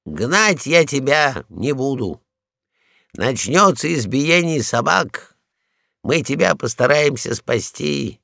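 A man voicing a pompous, bossy male guard dog in a storybook reading, loud and commanding. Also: mid-range voice, very animated, slow, vocal fry, dry recording, clean studio sound, voice pushed up, exaggerated voice.

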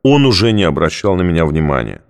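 Low-voiced man narrating an audiobook. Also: sing-song, quick pace. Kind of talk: first-person audiobook narration.

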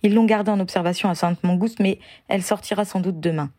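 A woman reading the lines of a calm, caring young male wizard in an audiobook, speaking in a reassuring way. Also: mid-range voice, fast, no room sound, clean studio sound, voice pushed up, lightly acted.

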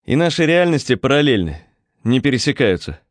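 A man's voice: mid-range voice, very animated, a little fast, no echo, voice pushed up, lightly acted. A man voicing a wary, sardonic young man who talks in a dry, skeptical way.

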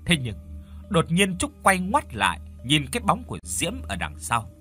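A man narrating a horror audiobook with lively, swooping pitch and a bright, slightly husky voice. His delivery is dramatic and expressive, with soft music underneath. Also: moderate pace.

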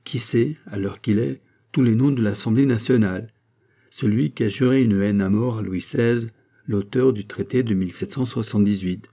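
Homme jouant un docteur sermonneur. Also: male voice, fairly low pitch, normal speed, warm tone. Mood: lecturing. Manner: insistent, lecturing, rhetorical. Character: male doctor, calm persuasive political thinker. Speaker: character in an audiobook.

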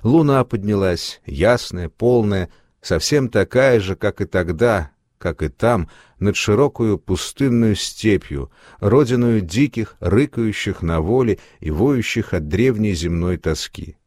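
A man narrating a classic short story in a measured, expressive reading style. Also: fairly low pitch, dry recording, studio quality. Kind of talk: literary audiobook reading.

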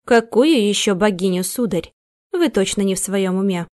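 A woman's voice: medium pitch, animated, normal speed, darkish tone, lightly acted. A woman voicing a stern, imperious middle-aged housekeeper. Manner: imperious, commanding.

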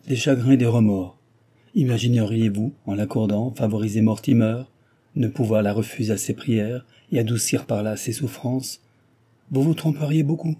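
A man's voice: mid-range voice, mellow, husky, close to an everyday voice. A man reading aloud and voicing a stern, dignified older noblewoman who argues earnestly and persuasively.

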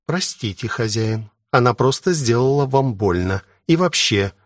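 A man's voice: mid-range voice, expressive, a little slow, no room sound, clean studio sound, lightly acted. A man voicing a clingy, dramatic young female maid who pleads and sobs theatrically. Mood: pleading.

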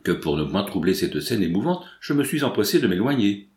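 Brief: man reading a courteous, bewildered gentleman, formal replies; roomy room. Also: on the low side, sing-song, fairly quick. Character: polite, puzzled gentleman visitor.

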